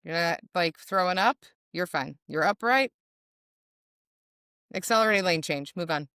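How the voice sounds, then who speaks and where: Middle-aged female podcast host, very low voice, blunt and lively, dry close mic. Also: a little slow, clear, resonant tone, no room sound. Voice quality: low voice often taken for a man's on the phone. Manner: blunt, animated, swears for emphasis. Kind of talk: casual chat.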